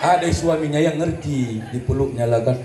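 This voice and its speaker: At a religious celebration, a North Sumatran man with a medium-pitched voice and normal pace delivers a funny sermon in his regional Indonesian accent. He jokes lively, plays out couples' arguments and breaks into bits of song, all in an echoey hall with a little noise.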